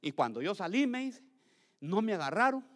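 A man preaches with a high, lively voice that leaps from hushed asides to shouts. His tone is bright and forceful. The sound carries a long church-hall reverb. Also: normal speed. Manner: preaching with sudden shouted outbursts and acted voices. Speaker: pastor. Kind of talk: sermon.

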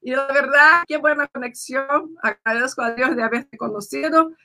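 A woman host with a Mexican accent chatting casually with a guest, bubbly and quick to laugh. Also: sits high, sharp tone. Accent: Mexican Spanish. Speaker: show host. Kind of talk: casual interview chat.

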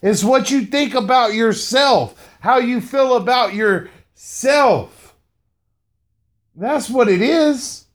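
This podcast host and motivational speaker is a middle-aged man whose voice is very high-pitched and whose pace is slow. His monologue is slangy and full of repeated lines for emphasis, and he keeps addressing the listener as "man."

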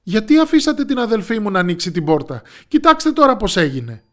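A man's voice: fairly high pitch, lightly acted. A man voicing a brave, bossy young princess in rags from a fairy tale, speaking firmly. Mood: angry. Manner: firm, commanding speech.

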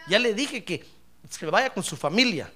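A man's voice: high voice, very animated, unhurried, bright, forceful tone, full character voice. A man preaching, voicing a bitter, stubborn old widow who scolds and exasperatedly refuses.

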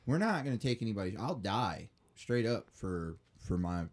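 A man's voice: on the low side, very animated, normal speed, crowd noise. A man hosting a podcast, rambling in casual chat, laughing often and swearing freely. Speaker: podcast host.

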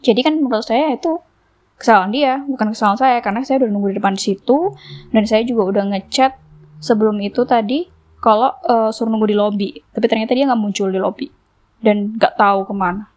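Woman podcast host, higher pitch, casual and chatty storytelling. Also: quick pace, darkish tone. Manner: chatty, acts out quoted exchanges in a higher voice.

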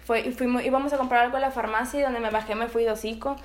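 A woman's voice: fairly high pitch, steady tone, rapid-fire, reverberant. A young woman with a Mexican Spanish accent, rambling in casual chat with many fillers.

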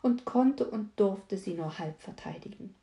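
A woman voicing a gentle, distressed young noblewoman who speaks earnestly through tears. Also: mid-range voice, animated, unhurried, gravelly. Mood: tearful pleading. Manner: earnest, pleading, tearful tone. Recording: echoey room.

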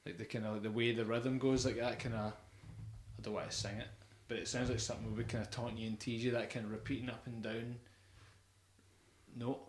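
A young man chats casually about music, rambling and excited, with plenty of fillers. His voice sits at a middle pitch. The room is echoey, and there is a faint hiss behind him. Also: fairly quick. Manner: rambling, enthusiastic, many fillers. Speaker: podcast host.

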